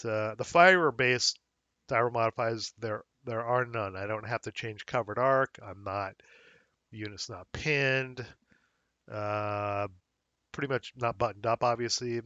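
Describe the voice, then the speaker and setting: A man hosting a wargame rules tutorial, talking casually and thinking aloud with fillers as he checks the rules, a little hoarse. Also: mid-range voice, bright, forceful tone, no room sound, dull audio. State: slightly hoarse, losing his voice. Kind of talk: screen-recorded game rules walkthrough.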